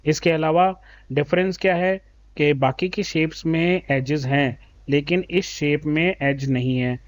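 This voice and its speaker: A man's voice: on the high side, dry recording. A man teaching a children's maths lesson, patiently explaining a textbook and calling the pupils "beta". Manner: reads English questions slowly, then explains in Hindi.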